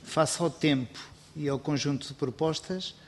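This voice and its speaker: Man, formal committee testimony, hesitant and bureaucratic, voice echoing in a long-reverb hall. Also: a little high. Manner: measured, bureaucratic, many hesitation fillers. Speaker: agency president giving testimony. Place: parliamentary committee room.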